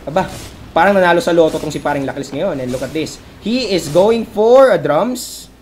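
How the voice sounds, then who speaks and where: A Filipino man commentates an esports match in a high, light voice. He moves from relaxed breakdowns of the game to bursts of shouting, and he jokingly voices what the players might be saying. A faint hum of noise sits under the recording. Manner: switches fast between calm analysis and excited shouting, voices players' lines.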